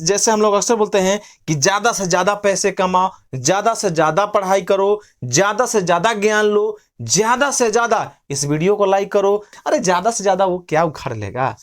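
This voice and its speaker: A woman teaching an online language lesson. She patiently repeats each phrase and asks and answers her own questions. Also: mid-range voice. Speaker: English teacher.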